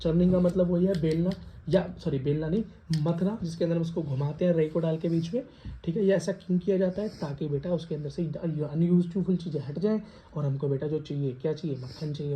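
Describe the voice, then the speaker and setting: Male lecturer, Western Uttar Pradesh Hindi accent, brisk classroom delivery with questions to pupils, muffled lo-fi sound. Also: fairly high pitch, slight background noise. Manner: addresses students as beta, asks and repeats questions. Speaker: teacher.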